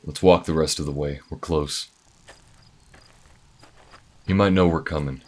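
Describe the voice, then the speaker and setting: In an audio roleplay, a man voices a laconic, tactical alien bounty hunter, thinking aloud in a measured, folksy way with a low, gruff voice. His tone is steady and a little mellow, calm and reasoning, with slight background noise.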